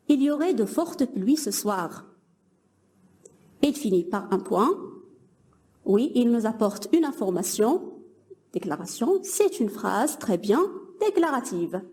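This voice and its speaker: A woman's voice: on the high side, warm tone. A young woman teaching a grammar lesson to middle-school pupils, patiently explaining and praising imagined answers.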